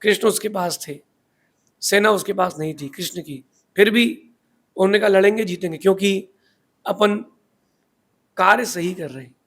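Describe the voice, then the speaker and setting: A man's voice: high-pitched, unhurried, long pauses, a bit bright, slightly rough. A man giving a sermon in a preachy storytelling manner, asking rhetorical questions as a spiritual teacher.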